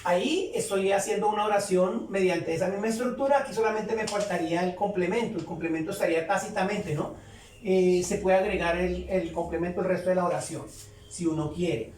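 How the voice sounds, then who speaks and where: A woman teaching a lesson, explaining step by step and repeating each example slowly and deliberately. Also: lowish voice, a little mellow. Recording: roomy echo, distant from the mic, faint background hum.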